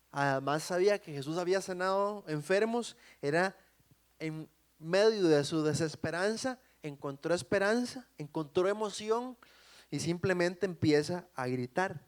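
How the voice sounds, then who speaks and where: A man delivering a sermon in an animated, conversational way. He keeps checking in with his listeners as he builds his point. His voice sits a little high. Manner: animated, often asks the audience "right?". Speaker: preacher.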